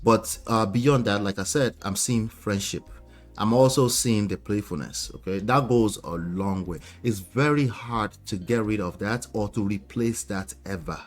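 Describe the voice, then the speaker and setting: Male live-stream host, animated reactions, quiet music bed. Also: on the low side, unhurried. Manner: animated, laughing often, rhetorical questions.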